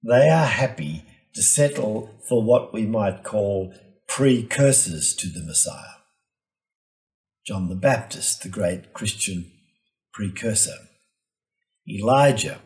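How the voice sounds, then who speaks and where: A male priest offers an expository reflection on scripture, teaching in a measured way and stressing key names and phrases. His voice is low-pitched and a little mellow.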